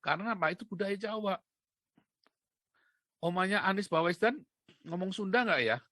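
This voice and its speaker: A man's voice: high-pitched, animated, normal speed, bright, forceful tone, no echo. A man from Indonesia hosting a casual commentary monologue, talking in an emphatic, mocking way and laughing often. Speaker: commentator host.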